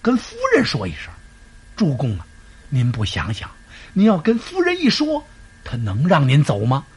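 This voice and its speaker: A man doing an urgent loyal general, husky and pressing. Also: a little high, wildly swooping pitch, normal speed, a little mellow, heavily acted. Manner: urgent, pleading.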